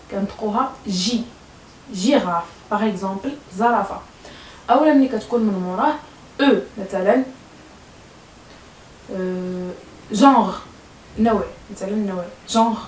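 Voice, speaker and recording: A woman's voice: medium pitch, moderate pace, long pauses, a little mellow, a little hiss or hum. A woman with a Moroccan Arabic accent, teaching French pronunciation to learners in a hesitant way, with many fillers and repeated words. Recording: echoey room, voice a bit far from mic.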